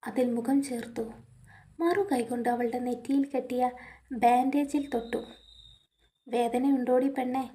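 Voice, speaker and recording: A woman narrating an audiobook story in a measured, softly expressive reading voice. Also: fairly high pitch.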